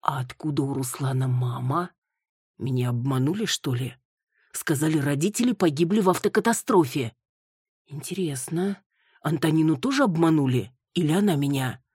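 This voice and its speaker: A woman's voice: deep voice, moderate pace, darkish tone, breathy edge, no room sound, clean studio sound. A woman voicing a confused, hungover young woman waking somewhere strange. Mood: bewildered. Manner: confused, indignant.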